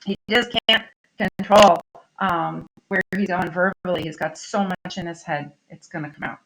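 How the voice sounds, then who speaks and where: Woman teacher, recorded lesson; lower voice with some fry, chatty and explanatory. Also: normal speed, a bit bright. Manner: explanatory, chatty, frequent "um" and "okay?" check-ins. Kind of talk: recorded online class lesson.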